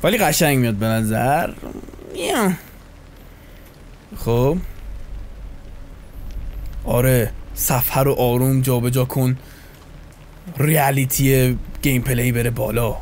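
A man's voice: mid-range voice, pauses often, darkish tone, slight background noise. A man streaming, giving casual, joking reaction commentary on game footage, playful and crude. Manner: joking, playful, swears freely. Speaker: gaming streamer.

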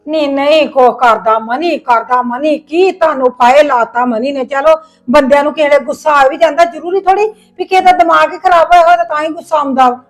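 A woman's voice: sits high, fast, close to an everyday voice. Woman playing a coaxing middle-aged mother-in-law. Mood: soothing. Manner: coaxing, reassuring, lecturing softly. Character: patient mother-in-law, soothing, gently advising. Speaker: actor in a family web drama. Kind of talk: acted family drama dialogue.

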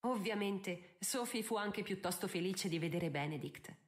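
A woman reading a novel aloud as an audiobook narrator, in measured, expressive scripted narration. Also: medium pitch.

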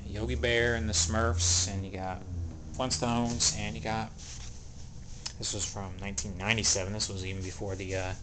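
A man's voice: on the low side, flat delivery, moderate pace, noisy background. Rambling man showing off his collection. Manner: rambling, hesitant, many ums. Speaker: collector selling items. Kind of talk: casual show-and-tell. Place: indoors, small room at home.

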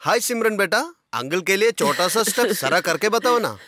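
A man's voice: high-pitched, animated, sharp tone, no room sound, studio quality. A man dubbing a cheerful family friend and office colleague who drops English exclamations in a dubbed film. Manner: drawn-out, exclaims in English words. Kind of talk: Hindi film dub.

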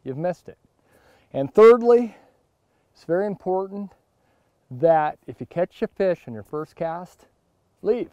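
Brief: middle-aged male outdoors vlog host, casual, jokey, bright exclamations, a bit high-pitched. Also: unhurried, pauses often, no echo, muffled recording. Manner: excitable, jokey, exclaims when a fish hits. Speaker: fly fishing channel host. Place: outdoors on a windy river.

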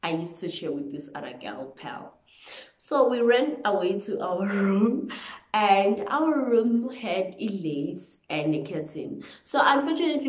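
A woman in her twenties with a South African accent tells a story casually to the camera. She is animated and emphatic, slipping between two languages as she goes. Her voice sits at a middle pitch, recorded in an echoey living room. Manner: animated and emphatic, hand-waving, chatty. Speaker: vlogger telling a storytime. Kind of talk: casual storytelling to camera, mixing English and Zulu. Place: small living room, indoors.

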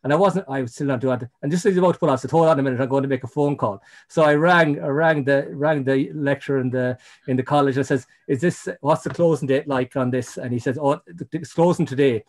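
Fast-talking Irish man telling a story. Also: medium pitch, fairly even intonation. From Ireland. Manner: rambling, many restarts and "you know". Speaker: guest, ecologist. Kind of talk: casual interview storytelling.

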